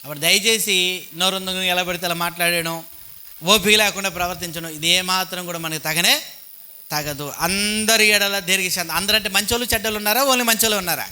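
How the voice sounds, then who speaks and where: A man's voice: high-pitched, a little fast, sharp tone, clear, resonant tone. A man preaching a sermon to a church congregation with a Telugu accent, talking in a conversational way and asking his listeners questions as he goes. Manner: conversational, asks the congregation questions, mock-voices petty thoughts. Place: church hall. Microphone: cheap handheld microphone.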